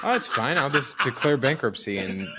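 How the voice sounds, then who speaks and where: A man's voice: medium pitch, animated, normal speed, heavy background noise. A man co-hosting a podcast in casual chat, swearing and sarcastic, thinking aloud with lots of restarts. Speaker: podcast co-host.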